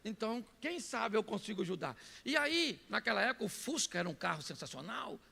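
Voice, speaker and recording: A man with a Brazilian Portuguese accent preaching a sermon, telling stories and breaking into shouts. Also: high voice, big pitch swings, brisk, creaky, in a large hall. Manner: storytelling preacher who bursts into shouts. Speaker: pastor.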